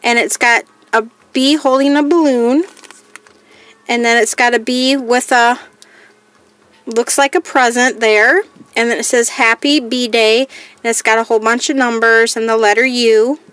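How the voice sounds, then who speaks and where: A woman with a slightly higher-pitched voice talks through a crafting haul in a casual show-and-tell way. She reads each piece aloud in a plain, listing manner, chatty and unhurried. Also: fairly even intonation, fairly bright tone, no room sound. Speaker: crafting vlogger.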